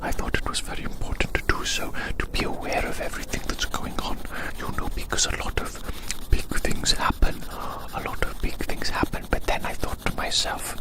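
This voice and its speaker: This roleplay is set outside, with the ASMR artist's voice reduced to a breathy whisper without any voicing. Phrases come back slowly and quietly as the performer muses gently to the listener.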